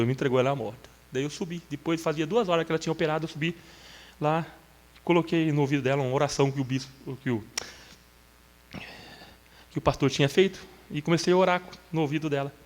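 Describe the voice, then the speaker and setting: A man's voice: on the high side, big-room sound. A middle-aged man giving an earnest, emotional testimony in an interview, telling his story at length. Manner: earnest, storytelling, breaks into tears and shouts when moved. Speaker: church member giving testimony.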